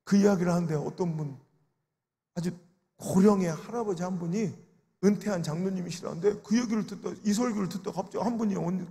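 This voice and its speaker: A man preaching an emotional sermon in a large prayer-house sanctuary, his voice high and gravelly. He tells stories and acts out grieving voices. The hall rings with long reverb. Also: a little fast, mellow. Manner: storytelling, acts out quoted voices with sobbing cries. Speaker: pastor.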